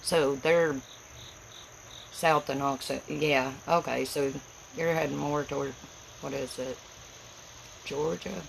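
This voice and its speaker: A woman with a folksy Appalachian accent from Tennessee chats casually on a livestream. Her voice is gravelly with plenty of fry, and she talks in a plain, rambling, rural way. Faint noise sits behind her on the recording. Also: sits low, steady tone, slow pace, long pauses, poor audio. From Tennessee, United States. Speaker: livestream host.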